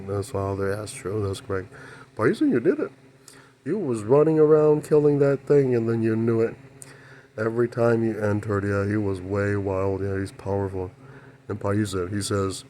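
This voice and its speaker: A man's voice: on the low side, a little mellow, slight background noise. A man in a rambling spoken monologue, talking in broken, fragmented phrases and repeatedly affirming himself. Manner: repetitive, keeps affirming himself with "yeah, that's true". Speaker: channel host.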